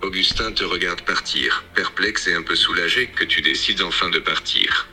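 A synthetic male voice narrating an interactive story game in a calm, even storytelling manner. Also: deep voice, normal speed, soft background music. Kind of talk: computer-read story narration.

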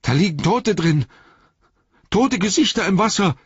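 A man's voice: medium pitch, sing-song, normal speed, breathy edge, no echo, dull audio, voice pushed up, exaggerated voice. A man voicing a frightened but loyal hobbit servant in an audiobook, talking urgently and raising his voice. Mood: uneasy. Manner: urgent, exclaiming. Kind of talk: audiobook character voice.

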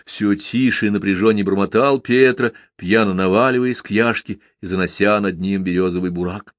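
A man narrating a novel aloud in an expressive, dramatic reading style. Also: fairly low pitch, moderate pace, no echo, studio quality. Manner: dramatic, animated storytelling. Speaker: audiobook reader.

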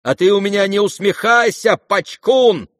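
Гневная пожилая дворянка в исполнении мужчины, высоко, сухая запись, аудиокнига. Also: male voice, high voice, moderate pace, a bit bright, dry recording, raised voice, studio quality, pitched above the performer's own voice. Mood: indignant. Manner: indignant, scolding, exclamatory. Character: imperious, furious older noblewoman scolding guests. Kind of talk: audiobook character reading.

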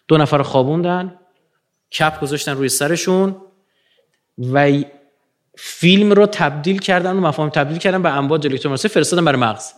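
Animated male lecturer, high-ish voice. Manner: animated, swings from low murmurs to emphatic rising peaks. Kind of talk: lecture to an audience.

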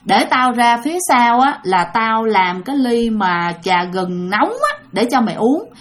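A woman voicing a stern older mother-in-law who speaks bluntly and slowly. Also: a little high, very animated.

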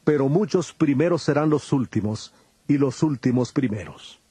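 An actor playing Jesus as a grave, patient teacher in a dramatized audio Bible, speaking in a solemn, measured way. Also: male voice, medium pitch, lively intonation, mellow, breathy edge, no room sound. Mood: solemn assurance. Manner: solemn, deliberate, measured delivery.

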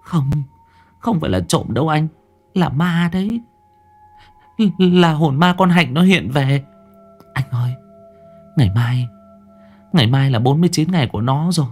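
A man voicing a terrified young wife who pleads and sobs in a high, strained voice. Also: brisk, long pauses, darkish tone, slightly rough, soft background music, close to an everyday voice. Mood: frightened.

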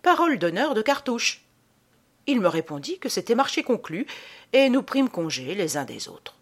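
A woman's voice: medium pitch, sing-song, moderate pace, breathy edge, pitched above the performer's own voice. A woman reading a jaunty Parisian storyteller. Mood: amused. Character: Parisian man telling a roguish tale. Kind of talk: audiobook reading.

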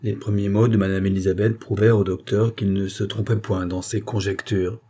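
A man reading a novel aloud as an audiobook in a steady, even storytelling manner. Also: fairly low pitch, a little fast. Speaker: audiobook reader. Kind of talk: audiobook narration.

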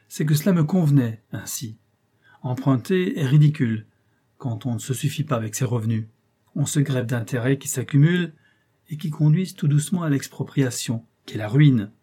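A man reading an audiobook, voicing a proud, quick-tempered aristocratic count who speaks in a curt, commanding way. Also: mid-range voice, warm tone, husky, voice pushed up, close to an everyday voice.

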